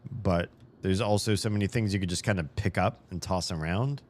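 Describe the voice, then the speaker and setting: A game streamer rambles through casual let's-play commentary, thinking aloud, swearing now and then and laughing as he plays. His voice sits low and moves briskly but sounds a little worn, as if he's slightly losing it, with slight background noise.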